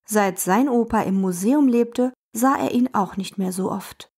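A woman narrating a children's storybook in a clear, expressive way. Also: mid-range voice, measured pace.

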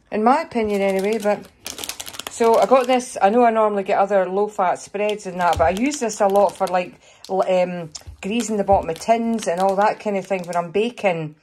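A middle-aged Scottish woman, slightly hoarse with a mid-range voice, chats casually to camera at her home kitchen counter while showing off a grocery haul. She rambles a little, dropping fillers and small laughs, and there's a faint hiss or hum in the audio.

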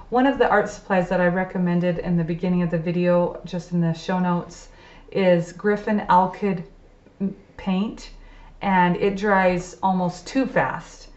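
A woman's voice: medium pitch, a little mellow, lo-fi sound. Chatty woman teaching painting, echoey room. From United States. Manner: upbeat, chatty, encouraging. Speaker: art teacher. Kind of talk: painting tutorial voice-over.

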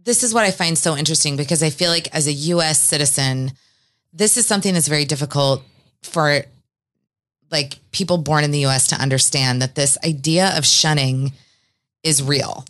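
A woman's voice: low-pitched, moderate pace, a bit bright. A woman in her forties from the US Northwest, hosting a studio interview podcast, earnest as she leads her guest's story. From Eastern Washington, US. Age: 40s. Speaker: podcast host.

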